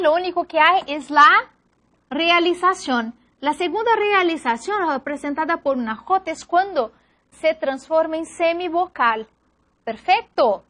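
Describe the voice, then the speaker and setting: A woman's voice: high voice, fairly bright tone. A woman teaching a phonetics lesson, patiently saying example words one at a time. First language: Portuguese. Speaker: language teacher. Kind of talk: slow phonetics lesson, reading word lists.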